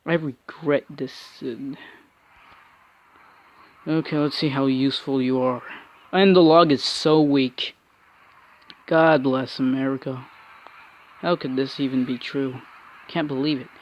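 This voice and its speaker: Annoyed guy raging about his game, bit high voice, keeps cursing and stumbling over words. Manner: frustrated ranting with frequent cursing and restarts. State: angry. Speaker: mobile game player. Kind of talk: angry gameplay commentary.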